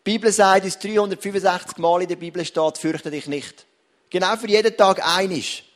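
A man's voice: high voice, fairly quick. A man preaching a sermon, repeating key words for emphasis. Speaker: pastor.

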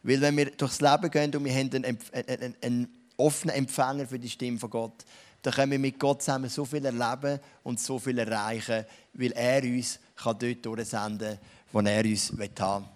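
A man preaching a sermon and leading a prayer, earnest, slowing down to stress key words, with a few restarts. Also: medium pitch, level tone.

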